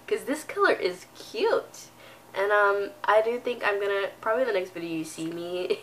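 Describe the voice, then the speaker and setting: A woman's voice: medium pitch, a bit bright, slight background noise, poor audio. A young woman vlogger who says she is congested, chatting about beauty products with lots of ums and little laughs. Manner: rambling, halting, many ums and laughs. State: congested, sounds sick. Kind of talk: casual unboxing vlog.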